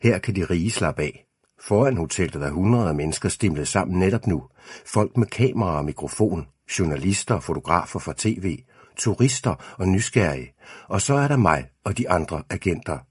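Deep husky male audiobook reader. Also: lively intonation, dry recording, clean studio sound. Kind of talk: scripted first-person audiobook narration.

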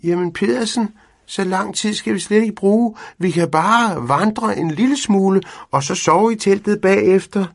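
A man voicing an eager, cheeky young male cat in a storybook reading, in a raspy, high, excited voice. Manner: excited, quick questions.

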